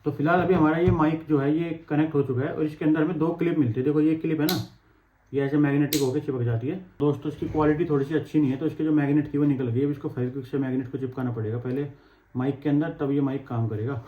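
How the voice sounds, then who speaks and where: This tech reviewer vlogger casually demos wireless mics on a clip-on mic, explaining each step chattily as he works with the equipment. His fairly high voice stays steady at a quick pace, with phone-quality sound and slight background noise.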